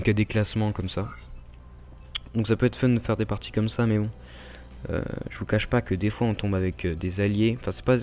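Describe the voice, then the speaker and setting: Speaking in a French accent, a gaming YouTuber offers casual gameplay commentary, talking loosely and directly to viewers while stopping and restarting sentences. His voice is a little low for a man, and the filler-heavy, rambling talk stays relaxed and unscripted.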